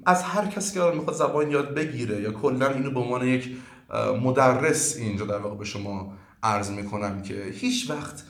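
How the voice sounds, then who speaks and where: A man's voice: lowish voice, reverberant. A man from Iran who teaches languages, giving earnest, lecturing answers in a podcast interview, with many fillers.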